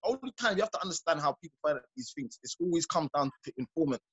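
A man's voice: on the high side, big pitch swings, quick pace, breathy edge, dry recording, muffled recording. A man with an urban London roadman accent, arguing emphatically in street slang in a heated casual discussion.

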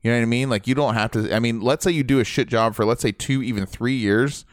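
Casting note: man, quick talker, lowish voice, dry close mic, loose and profane podcast chatter. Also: fairly even intonation, no echo. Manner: fast-talking, swears freely, laughs easily. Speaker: podcast co-host. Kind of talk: casual podcast chat.

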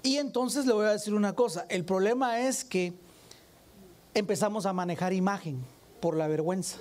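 Preacher, male, lively sermon delivery that keeps firing questions at the pews. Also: high voice, moderate pace. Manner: animated, questions the audience directly. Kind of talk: sermon to a congregation.

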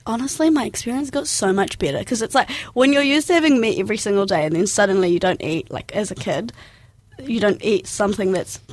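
A young woman speaks quickly in a mid-range voice, with a New Zealand accent, though Arabic is her first language. She's chatting casually about personal things, rambling and filling her sentences with "like" constantly.

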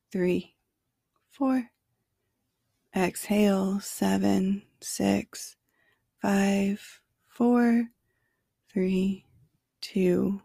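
Woman, sleep meditation narrator, extremely unhurried, heavy vocal fry, hushed and soothing. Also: mid-range voice, no room sound. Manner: hushed, soothing bedtime delivery, at times near whisper. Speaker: guided relaxation narrator. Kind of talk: sleep meditation narration, slow body scan.

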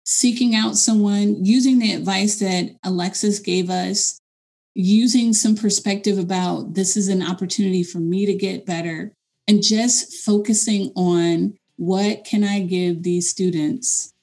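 A woman's voice: medium pitch, a little mellow. A woman teacher speaking earnestly and encouragingly in a reflective, conversational way, with fillers and restarts.

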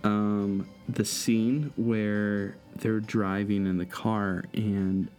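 A man's voice: on the low side, steady tone, drawn-out words, a little mellow, soft background music. A man co-hosting a podcast, chatting casually and enthusiastically about movies, rambling and teasing. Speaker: podcast co-host.

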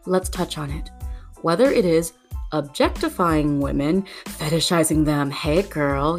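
A woman host opening a podcast and drawing out her guest in an encouraging, conversational way. Her voice sits a little low, and faint music plays underneath. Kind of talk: podcast interview.

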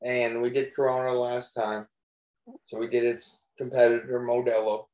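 A man's voice: medium pitch, flat delivery, moderate pace, darkish tone, reverberant, poor audio. A man in his twenties chatting casually on a podcast in a loose, slangy way, calling people bro. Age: 20s. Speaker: podcast co-host. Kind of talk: casual chat.

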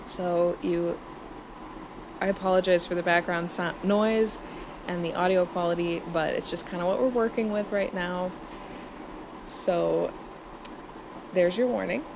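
A woman in her thirties hosting a casual solo podcast, chatty and giggling nervously, recorded in low-quality audio in a small studio on a busy street. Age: 30s. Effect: low-quality audio with street noise. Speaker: podcast host. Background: traffic and air-conditioner hum.

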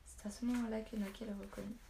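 Mellow woman narrating a tale. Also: mid-range voice, gravelly, a little hiss or hum. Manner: steady, measured reading. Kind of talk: audiobook narration.

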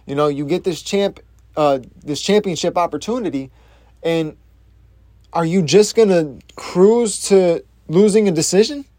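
A casual fight breakdown from a man who talks in blunt, profane slang and often restarts his sentences. His voice sits a little high for a man. The recording is dry, with no room sound. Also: a little slow, mellow, no room sound. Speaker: MMA commentator.

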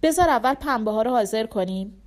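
A woman's voice: fairly high pitch, animated, lightly acted. A woman voicing a practical young woman giving urgent instructions while treating a wound, in an audiobook. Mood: instructing.

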